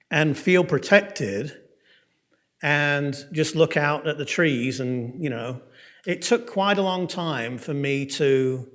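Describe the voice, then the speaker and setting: A man with an English accent teaching a Bible course. He tells a personal story in a conversational way, checks in with his listeners and speeds up and slows down as he goes. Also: on the high side. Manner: frequent fillers and restarts, pace swinging quick and slow. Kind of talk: lecture with personal testimony.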